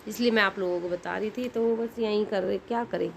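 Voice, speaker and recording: A woman's voice: mid-range voice, steady tone, a little fast, gravelly, a little hiss or hum. A middle-aged woman with an Indian Hindi accent, chatting casually in a home vlog while she cooks and cleans, repeating herself and restarting as she thinks aloud. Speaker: vlogger. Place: home kitchen.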